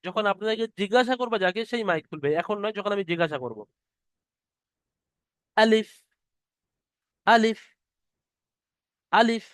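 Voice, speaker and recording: Man, online lesson, slow drawn-out letter sounds, dry close sound. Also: high-pitched, expressive, no room sound. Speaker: Arabic alphabet teacher. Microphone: computer mic on a video call.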